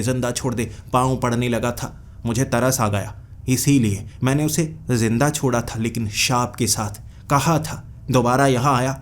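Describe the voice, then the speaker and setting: A man's voice: medium pitch, lightly acted. A man voicing a furious vengeful witch. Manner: scolding, threatening. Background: faint music.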